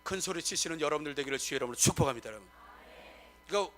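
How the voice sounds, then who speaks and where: A middle-aged male pastor preaching a sermon, emphatic and rising to loud exclamations as he keeps addressing the congregation. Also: a little high, animated, racing, slight background noise.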